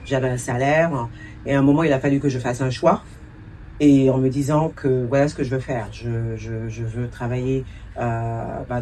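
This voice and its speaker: A French-raised cultural entrepreneur and producer in her forties responds to interview questions in a warm bass voice. She is distant from the mic with slight background noise, and she sounds thoughtful, hesitating often and mixing in a few English words.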